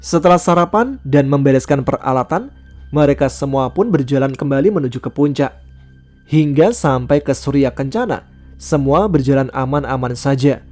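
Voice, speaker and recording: A man narrating a true-life mountain horror story in a steady, even reading voice. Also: medium pitch, moderate pace. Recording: faint background music.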